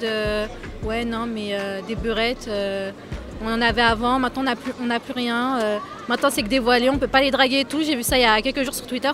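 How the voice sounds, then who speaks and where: A fairly high-voiced young woman speaks into a handheld mic on a city street. She answers earnestly and stops now and then to look for the right words, with clear music playing in the background. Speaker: interviewee. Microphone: handheld mic held by interviewer.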